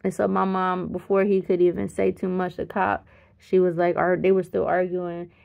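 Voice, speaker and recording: A woman in her thirties with a gravelly, slightly low voice tells a family story in a loose, rambling way. She sounds tired, and she keeps backtracking to correct herself with small chuckles. The recording is a bit dull and lo-fi. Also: monotone, moderate pace. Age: 30s. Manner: rambling, self-correcting, chuckles mid-sentence. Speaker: vlogger. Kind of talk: casual storytelling.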